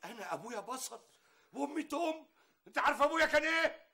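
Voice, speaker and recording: A man's voice: high-pitched, animated, very fast, pushed and bright, full character voice. An actor playing an indignant middle-aged man in a TV drama, with an Egyptian Arabic accent, defensive and offended. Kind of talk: TV drama acting.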